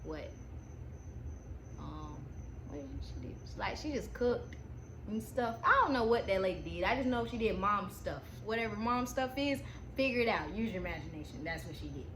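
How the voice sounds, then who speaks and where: A woman's voice: medium pitch, normal speed. A young adult woman chatting casually in a slangy, easily sidetracked stoner manner as she tells a story. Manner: slangy, informal, animated asides. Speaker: storytime vlogger. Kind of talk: casual storytime chat to camera. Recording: echoey room with faint background noise.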